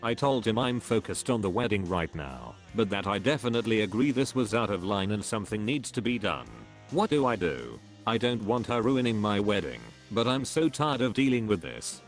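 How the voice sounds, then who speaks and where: A man narrating a story in an even, steady reading voice. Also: fairly low pitch, moderate pace, few pauses, faint music behind.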